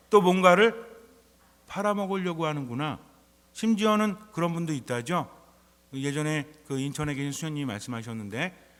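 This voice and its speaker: A priest delivers a homily in a slightly high-pitched voice, talking to his congregation as if in conversation and asking question after question. His voice rings out with a long reverb in the church. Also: a bit bright. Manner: conversational preaching full of rhetorical questions. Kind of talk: sermon.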